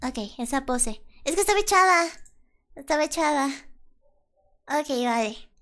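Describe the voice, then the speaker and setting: Very high, bright-voiced streamer woman. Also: expressive, a little slow. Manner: chatty, bursts into loud laughter. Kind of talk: casual livestream reaction.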